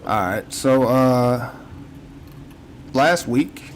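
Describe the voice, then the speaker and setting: A man in a relaxed podcast chat, talking in loose, looping sentences and leaning on "you know what I'm saying." He sounds a bit tired and yawns now and then, with mid-range pitch. A faint hiss of noise sits behind him. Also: very slow, poor audio. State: yawning, tired. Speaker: podcast host. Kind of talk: casual chat.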